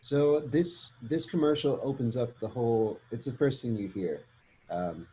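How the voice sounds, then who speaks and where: A man with a mellow, relaxed voice of middling pitch. He talks casually, like a guest chatting in an interview. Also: measured pace, low-quality recording. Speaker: interview guest, film composer. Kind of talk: casual chat.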